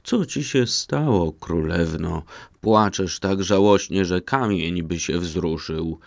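A man's voice: sits low, takes it slowly, creaky, no room sound, full character voice. A man voicing a persistent old female frog in a storybook reading, coaxing and bargaining. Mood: soothing. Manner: coaxing, bargaining, close to the reader's own voice.

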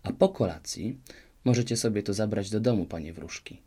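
A fairy-tale king fusses politely and frets in a storybook reading. A man reads him in a lowish voice close to his own. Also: brisk, warm tone, breathy edge. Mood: flustered. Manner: courteous and flustered.

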